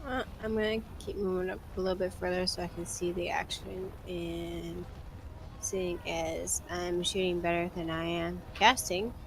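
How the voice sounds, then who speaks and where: A woman's voice: fairly low pitch, creaky, noisy background. A woman playing a tabletop game, describing her character's moves in a laid-back, chatty way. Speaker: player. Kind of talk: casual tabletop play.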